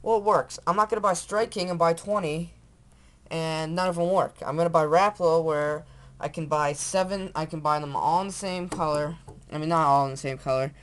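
A man's voice: fairly high pitch, fairly even intonation, a little fast. A young man rambling enthusiastically while showing off fishing lures on a handheld camera at home, with lots of fillers and restarts. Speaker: fishing vlogger. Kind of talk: casual off-camera product show-and-tell. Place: small room indoors at home. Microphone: handheld camera built-in mic.

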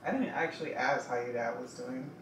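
A woman's voice: a bass voice, fairly quick. A woman vlogger chatting casually at home, candid and swearing freely as she tells stories. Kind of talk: casual chat. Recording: echoey room, noticeable background noise.

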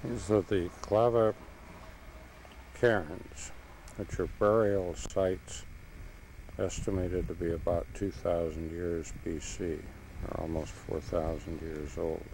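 A man narrating his own home video while sightseeing outdoors, in an unhurried, plain manner, heard from an old VHS tape through a camcorder mic. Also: sits low, fairly even intonation, darkish tone, slight background noise, low-quality recording. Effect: old VHS tape sound. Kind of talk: casual travel narration.

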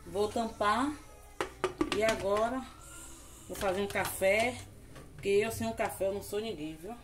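A woman's voice: medium pitch, measured pace, background noise. A woman with a Bahian accent chatting casually in a home vlog, cooking in her kitchen and cooing affectionately at a baby. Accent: Bahian Brazilian Portuguese. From Bahia, Brazil. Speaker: home vlogger.

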